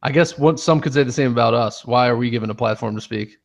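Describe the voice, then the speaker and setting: A man co-hosting a casual sports podcast, sarcastic and quick to swear and cut in. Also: medium pitch, creaky, dull audio. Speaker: podcast co-host.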